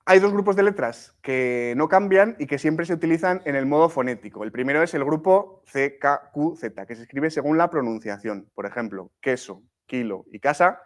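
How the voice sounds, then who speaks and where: A man's voice: a little high, expressive, normal speed, few pauses. Man teaching a workshop, checking in often. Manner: explanatory, frequent checks with "¿sí?" and "¿vale?", many restarts. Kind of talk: live workshop lecture.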